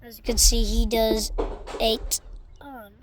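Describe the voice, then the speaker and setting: Slow, rambling woman with allergies. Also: on the high side, noisy background. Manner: rambling, with many restarts. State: stuffy from allergies. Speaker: vlogger. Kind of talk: casual unboxing vlog.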